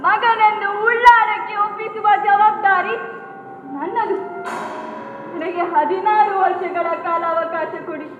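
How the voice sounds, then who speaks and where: A young woman acting a grieving, defiant pregnant widow in a stage drama, declaiming and repeating her vows. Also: very high-pitched. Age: young adult. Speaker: student stage actor. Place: stage in a hall. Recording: echoey hall, tinny phone-like sound, music behind.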